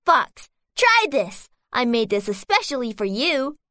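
A polite, clever stork from a children's storybook who knows how to get even, played by a woman. The voice is high and bright, with a lively lilt. It sounds close and dry. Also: measured pace, no echo, exaggerated voice. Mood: cool, knowing. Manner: polite, then sharp and cool when getting even. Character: long-beaked female stork, polite and clever. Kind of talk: storybook character reading.

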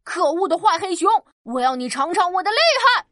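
Lady doing a sly little boy, super high bright voice, cheeky. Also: expressive, brisk, no echo, clean studio sound, exaggerated voice. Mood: plucky. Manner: cheeky, scheming. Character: clever little farm boy, plucky and sly.

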